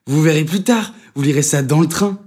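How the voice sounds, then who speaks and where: A man's voice: brisk, a little mellow, husky. A man voicing a pompous, fussy, patriotic older teacher in an audiobook reading. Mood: eager. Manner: fussy, preening, shrill when roused.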